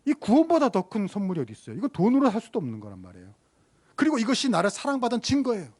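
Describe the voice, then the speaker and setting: Animated middle-aged pastor, high lively voice. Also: male voice, rapid-fire. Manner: conversational, asks the congregation questions and tells personal stories; emphatic, with repeated phrases and frequent rhetorical questions. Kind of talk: sermon.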